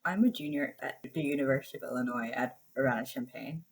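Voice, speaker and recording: A woman's voice: rumbling low, fast talker, breathy edge. A young woman who grew up in Nigeria, a university student guest explaining her research thoughtfully in a casual interview. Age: young adult. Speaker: undergraduate guest.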